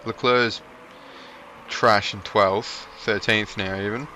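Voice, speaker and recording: Chatty man with a bright, low voice. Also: steady tone, slow, slight background noise. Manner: chatty, cheers on his drivers, jokey asides. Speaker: gaming YouTuber. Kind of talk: casual gameplay commentary.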